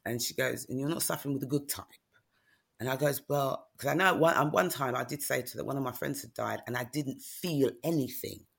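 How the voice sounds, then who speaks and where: A woman's voice: a bass voice, a little fast, creaky, fairly bright tone, breathy edge. A middle-aged woman, candidly telling a personal story in conversation and often asking "do you know what I mean?". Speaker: guest, author.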